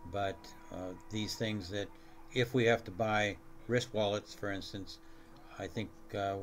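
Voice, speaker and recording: Low-voiced man talking it through. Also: steady tone, faint music behind. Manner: deliberate, restarts often. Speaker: board member. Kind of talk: meeting discussion.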